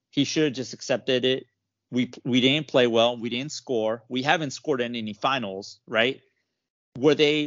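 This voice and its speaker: A man's voice: mid-range voice, a bit bright, no room sound. Guy going off about football, rambling and heated, dry muffled sound. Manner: rambling, heated, many fillers. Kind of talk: casual football debate.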